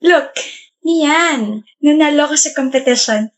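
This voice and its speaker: A woman's voice: high voice, measured pace. A woman acting out a school skit, chatting and bantering among friends. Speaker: skit actor. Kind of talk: scripted school skit dialogue.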